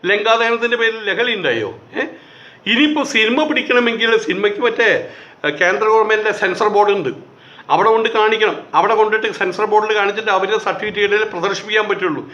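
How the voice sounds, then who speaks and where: A man's voice: sits high, quick pace, bright, forceful tone. A man delivering a heated, sarcastic monologue of commentary, often mimicking others in quoted asides. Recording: echoey, slightly dull recording.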